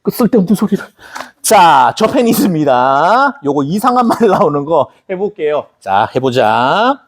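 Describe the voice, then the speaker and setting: Man, english teacher, recorded lecture, animated swooping pitch, slightly husky, chatty asides. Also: normal speed. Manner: lively, chatty, spells words syllable by syllable, jokes aside. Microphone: camera recording a lecture.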